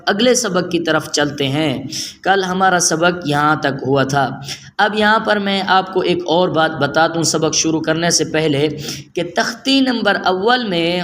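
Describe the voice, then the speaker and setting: A man teaching a Quran reading lesson, explaining patiently, asking rhetorical questions and slowly drawing out letter sounds. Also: high voice, fairly bright tone, a little hiss or hum. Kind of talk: spoken lesson on letter pronunciation.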